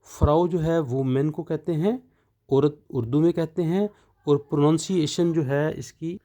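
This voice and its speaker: Slow, mellow male language teacher. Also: on the high side, steady tone. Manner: spells out words letter by letter, then pronounces them. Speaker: online German teacher. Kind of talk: slow explanatory lecture.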